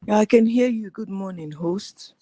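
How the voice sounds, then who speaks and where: A woman joining a casual livestream chat over a remote call, talking in a lively, chatty way and laughing often. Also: mid-range voice, moderate pace, a crowd in the background. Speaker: guest YouTuber.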